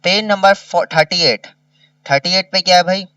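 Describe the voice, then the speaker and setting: A man's voice: high-pitched, bright, forceful tone, smooth, no echo, distant mic, highs cut off. A man teaching a kindergarten revision lesson. He spells each word letter by letter and repeats it. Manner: slow, spells words letter by letter and repeats them.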